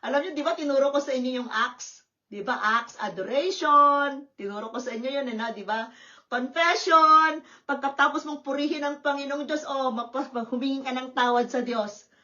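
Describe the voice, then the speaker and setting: A woman pastor preaching a sermon at a church service, lively and often checking in with the congregation. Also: high-pitched, brisk, dull audio. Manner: lively, questioning the congregation with tag words.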